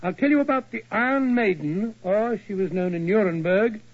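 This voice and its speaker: Bluff Doctor Watson, high husky English voice. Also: male voice, brisk. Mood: genial. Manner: blustery, muttering, puzzled interjections. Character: bluff, grumbling English doctor, amiable older storyteller. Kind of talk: 1940s radio acting. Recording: muffled vintage radio recording.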